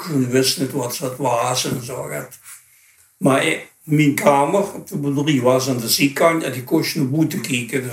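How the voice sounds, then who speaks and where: Elderly male interviewee, late 80s, broad Dutch Limburg accent, rambling colloquial storyteller, roomy recording. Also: medium pitch. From Dutch Limburg, Netherlands. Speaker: interview guest. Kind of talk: informal spoken reminiscence. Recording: echoey, roomy sound.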